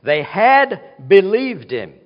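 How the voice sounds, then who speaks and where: A man's voice: sits high, sing-song, slow, lo-fi sound. A man preaching an earnest, reflective sermon in a church, retelling scripture scenes. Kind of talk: expository sermon. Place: church with a screen behind him.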